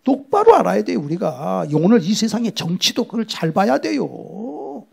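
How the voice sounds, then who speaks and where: A middle-aged male pastor preaching with a high, lively voice that swings widely in pitch. His tone is gravelly and husky, and he tells the story dramatically, sometimes dropping to a whisper. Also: normal speed. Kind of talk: sermon.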